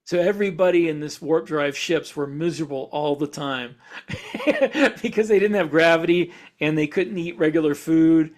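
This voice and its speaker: On the high side and moderately paced, this man's voice belongs to a podcast co-host who writes science fiction. He explains in easygoing shop talk, letting his sentences wander and fixing them as he speaks.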